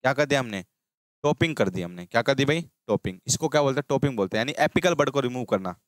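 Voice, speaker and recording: Male tutor, quick call-and-response drilling, clean close voice, dry sound. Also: medium pitch, animated, no echo. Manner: drills terms with repeated call-and-response questions. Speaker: agriculture teacher. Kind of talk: exam-prep lecture.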